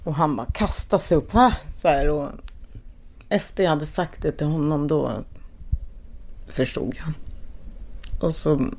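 A middle-aged woman telling her own story in a documentary podcast, speaking haltingly with pauses and restarts. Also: deep voice, creaky, darkish tone. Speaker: interviewee, bereaved mother. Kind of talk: personal testimony in a documentary podcast.

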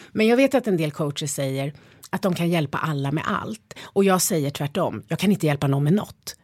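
A woman in an interview, a leadership developer telling her stories in a lively, animated way. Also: low-pitched, slightly rough, dry recording, studio quality. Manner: lively storyteller, animated retellings. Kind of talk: interview conversation.

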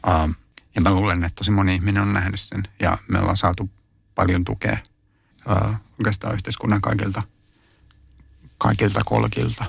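Gravelly, husky Finnish activist man. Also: fairly low pitch, flat delivery, pauses often, no room sound, clean studio sound. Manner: thoughtful, hesitant, many fillers and restarts. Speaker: animal rights activist. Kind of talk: conversational interview answers.

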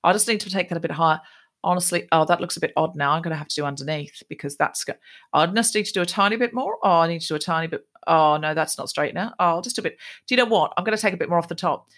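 A woman's voice: on the low side, a bit bright. A woman voicing a chatty female beautician who fusses on and on. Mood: fussing. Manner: rapid, fussing chatter.

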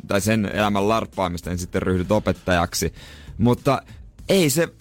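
Radio co-host, male, low-pitched, husky with a sore throat, loose halting delivery. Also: expressive. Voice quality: rough, husky. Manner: loose, halting, many restarts. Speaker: radio morning show co-host. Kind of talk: casual radio banter.

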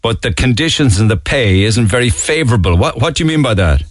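A man's voice: medium pitch, animated, brisk, no room sound, studio quality. An Irish man hosting a radio show, interviewing callers in a conversational way. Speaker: radio host.

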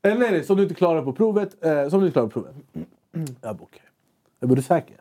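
A young man co-hosting a casual chat, telling a story animatedly and acting out both sides of a conversation. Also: fairly high pitch. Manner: animated, quotes himself and others in quick bursts. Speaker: podcast co-host.

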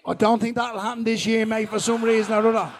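Very high-pitched sweary Dublin man. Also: little pitch movement, fast, some chatter behind, slight background noise. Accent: Dublin, Irish. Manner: sweary, blunt, teasing. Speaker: speaker on stage at a live podcast. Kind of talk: casual live banter. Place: live podcast show at a festival.

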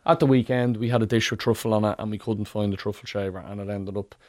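A man's voice: fairly low pitch, little pitch movement, quick pace, darkish tone, no echo, clean studio sound. A man with an Irish accent co-hosting a podcast in casual, slangy, jokey chat. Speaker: podcast co-host, chef.

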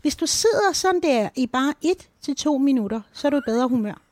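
A woman co-hosting a podcast, explaining mood psychology in a lively, talkative way, often ending with tag questions. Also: high-pitched, no room sound, clean studio sound. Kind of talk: casual explanatory chat.

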